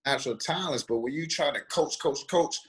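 A young man from Washington, DC, a former football player and trainer, telling stories in a lively, slangy way with many restarts. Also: fairly high pitch, brisk. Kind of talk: casual podcast chat.

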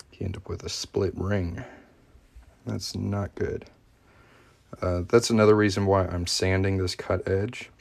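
This man's voice sits low and sounds gravelly as he chats casually during a live workshop stream. A coin ring maker, he demonstrates his craft and answers viewer comments over noisy background sounds of tools, sanding and clicks.

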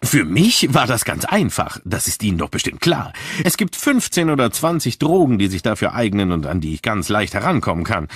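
A man voicing a spiteful, agitated young man, smug and excitable, bordering on hysteria. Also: fairly low pitch, a little fast, slightly rough, dry recording, clean studio sound. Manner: bitter, self-satisfied, excitable.

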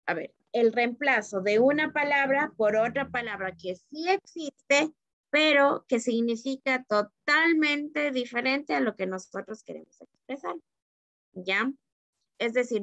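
A woman teacher walks her class through language terms in a patient, explaining manner, stopping often to check that they follow. Her voice sits a little high and the sound is close and dry, with no room around it. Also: vocal fry, a bit bright, dry recording. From Ecuador. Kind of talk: online literature lesson.

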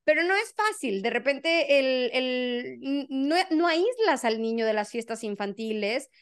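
A woman's voice: high voice, expressive, measured pace, clean tone. A woman hosting a talk show, chatty and eager, firing off questions at her guest. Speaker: host.

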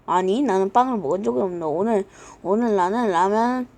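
A woman voicing a lazy, easygoing blob character who talks low, flat and mumbling. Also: a little fast, natural voice. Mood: deflecting. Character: lazy male fat-blob friend, easygoing.

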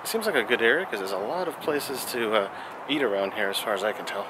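A man's voice: fairly low pitch, animated, fast. A man in his thirties chatting upbeat to a handheld camera, outdoors on a trip. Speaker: travel vlogger. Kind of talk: casual travel vlog. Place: outdoors in a town, also driving in a car. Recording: street and car noise behind. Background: traffic and outdoor ambience.

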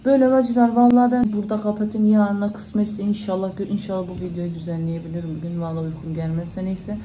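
A woman's voice: mid-range voice, steady tone, fast, mellow, a little hiss or hum, low-quality recording. A woman vlogger, chatting casually to her followers at home and retelling conversations in reported speech. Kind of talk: casual vlog talk to followers.

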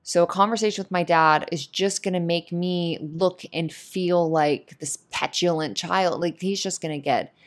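A woman's fairly low voice holds a steady tone at normal speed, with hardly any pauses. As a voice actor, she gives a listener casual, comforting advice in an earnest, opinionated, emphatic monologue.

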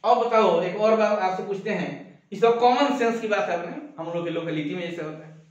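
High-voiced man teaching in an echoey classroom. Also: brisk. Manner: colloquial, folksy, uses village sayings and mnemonics. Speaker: school teacher. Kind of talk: classroom lecture. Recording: echoey, distant, dull lo-fi classroom recording.

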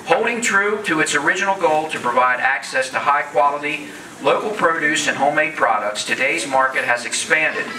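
Middle-aged man, county official, plain mid pitch, jokey off-script manner, handheld mic in an echoey hall with a crowd behind. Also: far from the mic, noisy background. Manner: joking, off-script asides. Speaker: county commissioner presenting awards. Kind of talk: casual public ceremony speech. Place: large open-sided farm hall. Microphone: handheld microphone.

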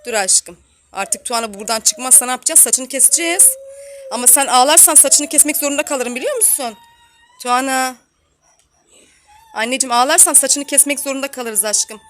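A woman's voice: high-pitched, moderate pace, fairly bright tone, a little hiss or hum. A woman voicing a mother in a toy role-play, talking in a coaxing, affectionate way and repeating her soothing words. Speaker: toy video host.

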